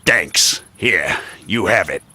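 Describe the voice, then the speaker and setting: A man voicing a grumpy, fussy old male studio clerk in a game, excitable and prone to shouting, with a husky voice. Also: sits low, slow, exaggerated voice. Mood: fussy excited. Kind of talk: game voice acting.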